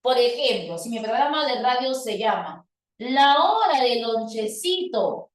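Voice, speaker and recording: A woman's voice: on the high side, expressive, unhurried. A woman teaching a grammar lesson, explaining step by step and quizzing her students with questions. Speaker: language teacher. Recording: echoey room, voice from a distance.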